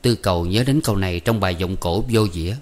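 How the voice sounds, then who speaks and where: A man narrating a story in a calm, even way. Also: sits low, fast. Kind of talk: audiobook narration.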